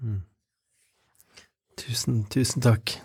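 A man interviewing a poet in halting, casual speech with many restarts. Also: medium pitch, fairly even intonation, a little mellow, slightly rough, no echo, studio quality. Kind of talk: hesitant conversational interview.

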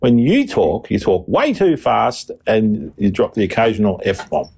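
A man's voice: lowish voice, very animated, unhurried, vocal fry, a little mellow, slightly rough. A man co-hosting a podcast in casual chat, teasing his partner and mock-scolding him. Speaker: podcast co-host.

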